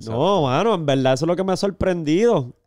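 A man's voice: a little high, animated, fairly quick, a little mellow, no room sound, clean studio sound. A man with a rural Puerto Rican accent hosting a podcast, chatting in a laid-back way and dropping slang. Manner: laid-back, laughs along, drops slang. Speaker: podcast host. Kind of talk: casual chat.

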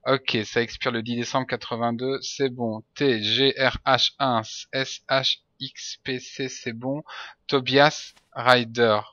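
A man's voice: mid-range voice, level tone, takes it slowly, bright, forceful tone, dry recording, lo-fi sound. A man giving let's play commentary, jokingly playing a stern border guard in a mock-authoritarian manner.

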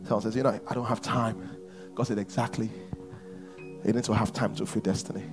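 A pastor in his thirties with a Nigerian English accent, preaching a sermon on a large church stage and swinging from shouts to near whispers. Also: lowish voice, steady tone, brisk, music in the background.

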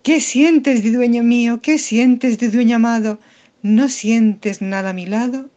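A woman's voice: a little high, a little slow, mellow, highs cut off, natural voice. A woman voicing a lovesick young noblewoman who declaims her love in a theatrical, gushing way. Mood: adoring. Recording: music playing behind the voice.

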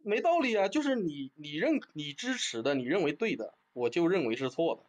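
A man's voice: on the high side, very animated, a little fast. A man calling into a livestream who argues in a combative, provocative way. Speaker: caller on a livestream. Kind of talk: heated argument over a voice link.

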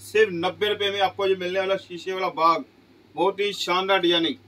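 A middle-aged man pitching goods in a small clothing shop, asking each price aloud and answering it with exclamations. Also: steady tone, fairly quick, pushed and bright, poor audio. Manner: repeats prices as questions, exclaims "wah ji wah". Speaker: shop seller. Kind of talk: sales pitch.

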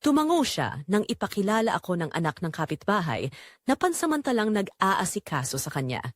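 Voicing an earnest young caregiver admitting her inner struggles, a Filipino-accented woman narrates a scripted first-person drama. She speaks a little fast in a sing-song, medium-pitched voice, captured as a dry, clean studio recording.

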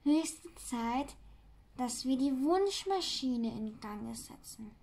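Woman doing a mild bewildered dad guy, gentle, read out slow. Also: high voice, expressive, heavily acted. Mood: puzzled. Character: mild-mannered grown man, Sams's papa.

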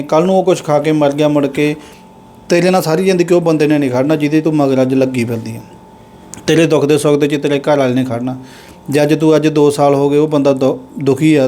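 Earnest Punjabi man, mellow raised voice. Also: on the high side. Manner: earnest, moralizing, speaks in drawn-out phrases. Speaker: interviewer and channel host. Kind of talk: casual street interview and commentary.

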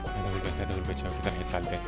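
A man's voice: deep voice, flat delivery, very fast. Hyped young man narrating his gameplay. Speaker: gamer streamer. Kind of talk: excitable gameplay commentary. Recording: music playing under the voice.

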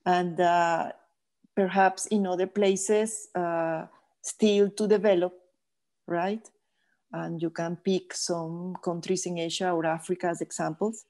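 Older woman, low mellow voice, video call. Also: fairly even intonation. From Venezuela. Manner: measured, thoughtful, many filler pauses. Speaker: guest geophysicist. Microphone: earphone headset on video call.

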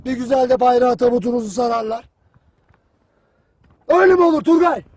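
A hard-bitten army commander barks and taunts his men in a war film. His voice sits unusually high for a man and cuts harsh and clipped. He keeps a grim, unsparing edge throughout. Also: lively intonation, brisk, a little mellow, slightly rough, heavily acted. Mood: grim lecture. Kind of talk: film trailer drama.

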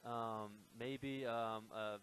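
An Australian man explaining local expressions in a relaxed, hesitant way, with many fillers. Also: mid-range voice, drawn-out words, slight background noise. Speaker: guest teaching expressions. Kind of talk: casual explanation. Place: hotel room.

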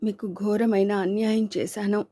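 A woman voicing a gentle young wife, weary and full of guilt, in a soft and pleading way. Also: medium pitch, flat delivery, moderate pace, no room sound, close to an everyday voice. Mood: remorseful.

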